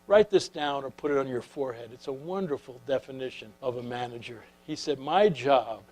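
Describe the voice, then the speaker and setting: An older man giving a leadership talk, telling an anecdote and acting out the quoted dialogue with lively energy. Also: mid-range voice, fairly quick. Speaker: leadership speaker. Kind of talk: storytelling keynote talk.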